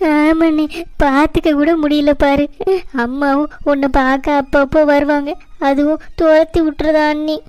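A woman voicing a meek, tearful young younger sister in a cartoon, soft and pleading. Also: high-pitched, flat delivery, moderate pace, no room sound, natural voice.

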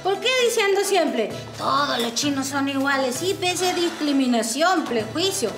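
A woman's voice: high-pitched, expressive, moderate pace, reverberant, over loud music. A woman playing a bossy middle-aged Chinese restaurant owner who scolds her cook in broken Spanish with a Chinese accent. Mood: indignant. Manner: scolding, broken Spanish, nags and drills phrases. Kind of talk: TV sitcom acting.

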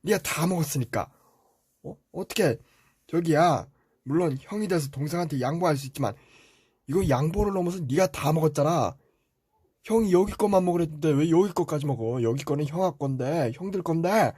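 A man playing a nagging older brother, husky. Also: on the high side, animated, fairly quick, darkish tone, dry recording, studio quality. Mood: scolding. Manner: nagging, rambling scolds. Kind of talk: amateur voice drama.

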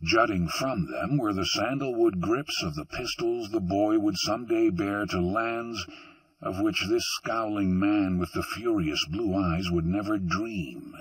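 Husky low-voiced male audiobook narrator. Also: dry recording, recorded from a distance, low-quality recording. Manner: measured, deliberate reading. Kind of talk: scripted narration.

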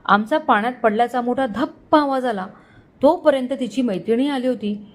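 A woman storyteller reading a romantic story aloud in a steady, expressive way. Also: on the high side, normal speed. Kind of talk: scripted story narration.

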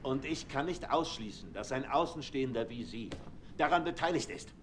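A man's voice: medium pitch, lively intonation, moderate pace, a bit bright, slight background noise, natural voice. An actor playing a commanding, distrustful male sheriff's deputy in a dubbed game scene. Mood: stern. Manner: commanding, dismissive. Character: gruff adult male rural deputy, distrustful.

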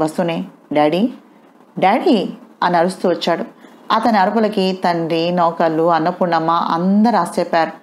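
Low-voiced woman reading a novel. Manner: steady storytelling. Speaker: audio novel narrator. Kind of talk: scripted narration.

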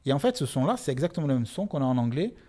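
Mellow Marseille-accented man explaining speech. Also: medium pitch, racing. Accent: Marseille French. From Marseille, France. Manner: lively, expressive explainer, demonstrates pronunciations. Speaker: sociolinguist guest. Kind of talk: casual explanatory interview.

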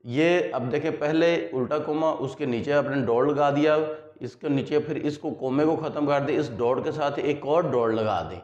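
A male teacher giving a lesson, explaining step by step and repeating examples to make each point clear. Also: medium pitch, normal speed, few pauses, darkish tone, highs cut off. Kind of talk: classroom lecture. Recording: echoey room.

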